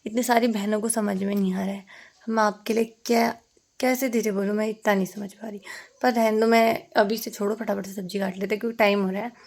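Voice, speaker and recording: A chatty young woman talks to her viewers like old friends as she cooks at home. Her voice sits in a middle pitch, and it is picked up on a phone camera in her kitchen. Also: level tone, brisk, gravelly, a little mellow. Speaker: vlogger. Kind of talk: casual home vlog chat.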